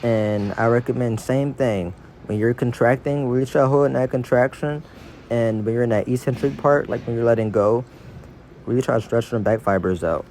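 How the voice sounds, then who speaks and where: Mellow man talking through dental braces. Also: mid-range voice, moderate pace, a little hiss or hum. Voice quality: speech slightly impeded by dental braces. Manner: informal, slangy, instructive. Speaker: fitness instructor. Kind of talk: casual exercise tutorial voice-over.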